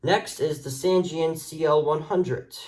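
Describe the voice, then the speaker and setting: This is a video host demonstrating his radio collection hands-on, his voice on the high side and a little mellow. He talks a little slowly with fairly even intonation, hesitating and rambling into a handheld phone camera, and the recording is rough.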